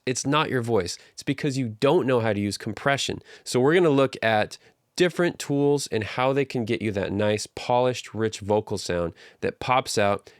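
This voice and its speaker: A man's voice: medium pitch, no room sound. Man, audio tutorial instructor, upbeat and joking, close mic, dead-dry sound. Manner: upbeat, joking, conversational explainer. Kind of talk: screen-recorded tutorial.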